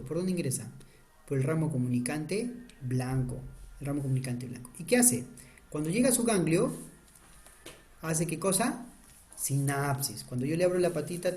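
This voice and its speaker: A man's voice: fairly high pitch, warm tone. A man teaching an anatomy lecture, quizzing the students and answering his own questions, urging them to pay attention. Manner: urgent, repeatedly asks students to pay attention. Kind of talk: online lecture drawing on a diagram.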